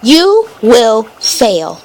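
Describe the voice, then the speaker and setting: A cold, menacing male hedgehog rival from a video game, played by a woman, who speaks slow, flat threats. She drops her voice well below her own for him. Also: fairly high pitch, slight background noise, voice pushed down, full character voice. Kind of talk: fan dub of a video game.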